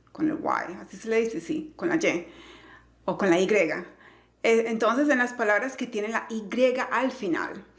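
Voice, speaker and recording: A woman who teaches English pronunciation, explaining slowly and carefully and repeating each example word. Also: on the high side, roomy sound. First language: Spanish.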